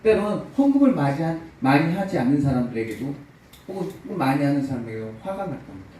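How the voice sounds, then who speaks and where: A man's voice: fairly high pitch, big pitch swings, fast talker, dark tone, heavy reverb, recorded from a distance, slight background noise, low-quality recording. A male pastor preaching a sermon, telling a story with acted-out quotes and building to emphatic peaks. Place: church sanctuary.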